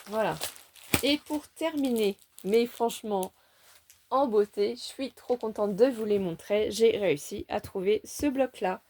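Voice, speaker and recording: A woman's voice: mid-range voice, measured pace, warm tone. A woman chatting through a scrapbooking haul, cheerful and enthusiastic as she shows each page. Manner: chatty, enthusiastic, fond of little words like "petite" and "hein". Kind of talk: casual show-and-tell haul.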